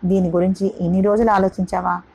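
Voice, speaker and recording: A woman doing a tender, anxious mother, husky. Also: medium pitch, flat delivery, quick pace, warm tone, low-quality recording. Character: caring worried mother of a grown daughter.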